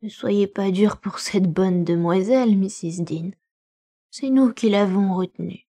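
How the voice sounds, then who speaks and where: A woman voicing a kindly, calm farm servant woman in a gentle, soothing manner, read in an audiobook. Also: medium pitch, a little slow. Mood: placating.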